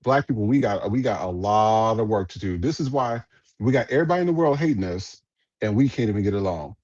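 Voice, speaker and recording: On his casual podcast, a man talks fast and animatedly, cursing and speaking bluntly as he meanders through viral clips. His voice is mid-pitched, slightly mellow, and close, captured in a dry, somewhat dull lo-fi recording.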